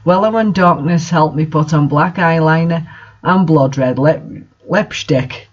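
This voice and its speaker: Reading at a measured pace, a man with a fairly high voice hosts a bad fanfiction reading series, and the audio has its highs cut off. He finds the story funny, adds commentary of his own, and bursts out laughing as he goes.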